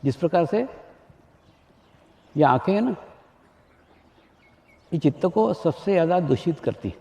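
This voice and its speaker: A spiritual teacher addresses an audience in a large hall, his slightly high, creaky, warm voice moving at a measured pace with lively intonation. He repeats phrases and poses rhetorical questions, heard through an echoey, dull lo-fi archive recording.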